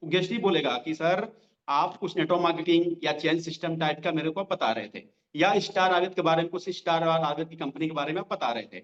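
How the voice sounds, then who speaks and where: A man running a direct selling training session, talking directly to his listeners and repeating each line slowly so they can write it down. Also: fairly high pitch. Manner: repeats lines slowly for note-taking; conversational, addresses listeners directly. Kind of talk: sales training lesson. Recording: dull lo-fi sound.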